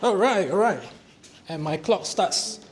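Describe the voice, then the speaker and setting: Lively-pitched man praising a speech. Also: a little slow, background noise. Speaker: club president and speech evaluator. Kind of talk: club speech evaluation.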